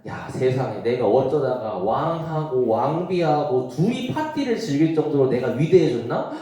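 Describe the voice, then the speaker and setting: A man's voice: mid-range voice, sing-song, normal speed, warm tone, lightly acted. A male teacher voicing a boastful, spiteful royal official who gloats, recorded in an echoey room. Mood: gloating.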